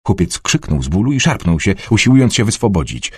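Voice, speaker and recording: A man narrating an adventure novel in a dramatic, expressive storytelling manner. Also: on the low side, fairly quick, slightly rough, dry recording, clean studio sound. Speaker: audiobook narrator.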